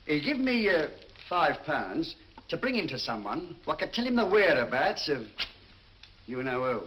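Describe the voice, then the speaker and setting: An actor playing a wheedling, shifty dockside go-between, in 1940s film style. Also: male voice, fairly high pitch, big pitch swings, moderate pace, lo-fi sound. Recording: hissy 1940s film soundtrack.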